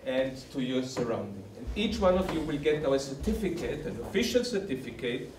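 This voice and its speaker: A man's voice: mid-range voice, sing-song, a little fast, background noise. A man addressing participants in a formal, encouraging closing speech. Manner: formal, encouraging, repetitive phrasing. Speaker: camp organizer. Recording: roomy hall from a distance.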